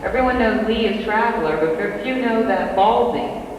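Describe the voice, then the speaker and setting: A man's voice: sits high, moderate pace. A man leading a live guided tour, talking informally and asking the group questions, recorded on an old VHS home-video tape. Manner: informal, asks the crowd questions. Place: large indoor exhibition hall. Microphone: camcorder mic at a distance. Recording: echoey hall, far off, audible hiss.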